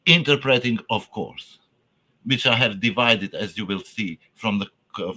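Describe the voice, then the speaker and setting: A man whose first language is Albanian delivers an academic lecture in English, hesitating and searching for words with frequent fillers and restarts. His voice is fairly low and sharp in tone.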